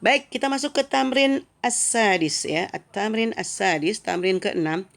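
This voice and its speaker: A woman from Indonesia teaches a casual lesson at an unhurried pace. Her voice has a gravelly fry, and she sounds out each phrase with care before slipping into quick, chatty remarks. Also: medium pitch. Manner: reads Arabic phrases slowly and clearly, then chats quickly in asides. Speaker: Arabic teacher.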